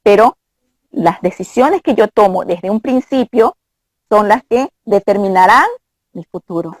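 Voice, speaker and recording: A woman's voice: mid-range voice, expressive, a little slow, no room sound. Earnest woman teaching from scripture. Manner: earnest, quotes scripture, mimics voices. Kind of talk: conversational Bible teaching.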